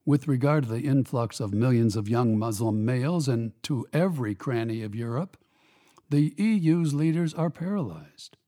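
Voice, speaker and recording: Hosting a radio program, a man delivers a scripted opinion piece with a dark, mellow tone at ordinary pitch. He makes each point in a measured, emphatic, pointed and animated way.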